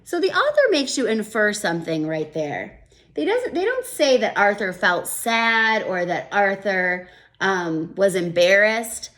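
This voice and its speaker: Speaking unhurriedly in a medium-pitched voice, a woman shares a children's picture book, breaking off now and then to talk through her thinking the way a teacher would. Her reading is gentle and expressive.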